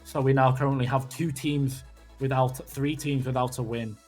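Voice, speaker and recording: A man with a slightly husky voice calls a live esports match with loud, breathless excitement and the odd curse. Faint music sits quietly underneath his commentary. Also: mid-range voice, moderate pace. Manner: excitable, swears, breathless after a close game. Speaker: esports caster.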